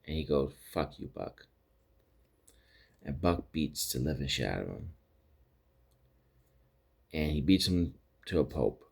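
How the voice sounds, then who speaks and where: Male podcast host, very low voice, loose rambling episode recap. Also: lively intonation, measured pace, gravelly, long pauses, darkish tone, breathy edge. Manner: rambling retelling with many restarts and quoted lines. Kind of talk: casual recap chat.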